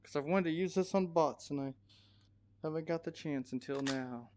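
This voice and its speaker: A man narrates his own gameplay in a loose, excitable way, cursing freely and muttering to himself. His voice sits a little high for a man. A faint hiss of noise runs underneath. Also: moderate pace. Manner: profane, excitable, talks to himself. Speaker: gamer playing a VR shooter. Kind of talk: casual gameplay commentary.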